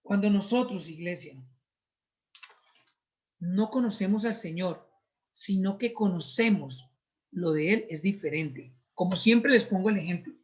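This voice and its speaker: A man from Colombia preaching a Sunday sermon, earnest and confessional, moving between soft asides and emphatic appeals. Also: sits high, measured pace, pauses often, lo-fi sound.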